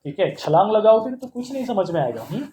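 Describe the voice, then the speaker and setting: A man's voice: sits high, big pitch swings, quick pace, dark tone, reverberant, a little hiss or hum, poor audio. A man teaching a math lesson step by step, asking rhetorical questions and mixing Hindi with English terms. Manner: playful, calls terms "bhai sahab".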